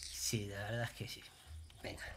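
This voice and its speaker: A man's voice: on the low side, flat delivery, normal speed, sharp tone. A man in his thirties with a Spain Spanish accent, streaming a game and teasing a friend with silly sing-song bits and whispers. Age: 30s. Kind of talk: playful gaming stream banter.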